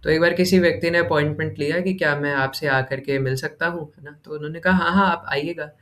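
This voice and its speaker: Guy running a chatty devotional class, kinda high voice, keeps going "right?" at listeners. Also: fairly even intonation, fast, fairly bright tone. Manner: keeps asking "है ना?" as a tag question; mixes in English words and recites verses. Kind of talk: conversational scripture class.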